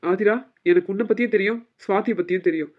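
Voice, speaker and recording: A woman voicing a fast-talking firm young husband. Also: mid-range voice, lightly acted. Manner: quick, firm, questioning. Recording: dull lo-fi audio.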